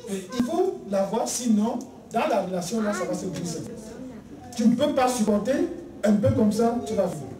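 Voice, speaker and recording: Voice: mid-range voice, expressive, normal speed, crowd noise. Echoey, distant church preacher. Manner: addresses listeners as beloved, teaching in numbered points; drops soft and quiet on key words. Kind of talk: sermon. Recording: echoey room, voice heard from a distance.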